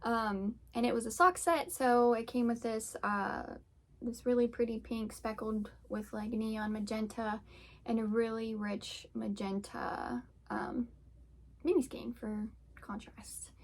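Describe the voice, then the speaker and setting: A woman's voice: on the high side, fairly even intonation, unhurried. A young woman hosting a casual crafting podcast, chatting in a rambling way with lots of fillers as she shows her work. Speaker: podcast host and yarn dyer. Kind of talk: casual chat.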